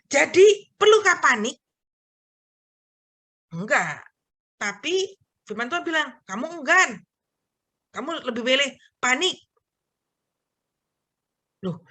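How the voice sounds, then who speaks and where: A middle-aged woman giving a casual youth sermon, chatty and animated, full of slang and rhetorical questions. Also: high-pitched. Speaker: youth fellowship speaker.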